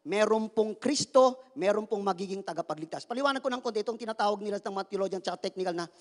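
In a large hall, a pastor with a high voice preaches at a quick pace. He jokes around with the congregation, asks for their responses, and mixes English phrases into what he says.

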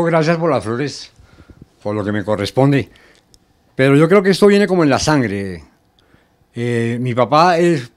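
A man in his sixties with a Colombian accent, answering casually and colloquially in an interview, often halting and repeating words. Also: mid-range voice. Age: 60s. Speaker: interviewee, street crier and announcer. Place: small home studio room. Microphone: handheld reporter microphone.

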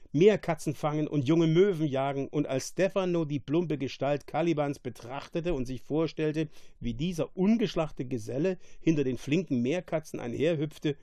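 A man reads a fairy tale aloud, calm and measured, with a fairly high voice. The recording is close and dry. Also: no echo. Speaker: reader. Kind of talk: storybook reading.

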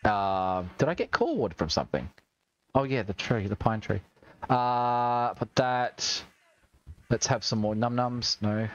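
In lo-fi audio, a young Aussie gamer keeps up livestream commentary, joking and cursing as he plays. He talks in an animated, mid-range voice without hurrying.

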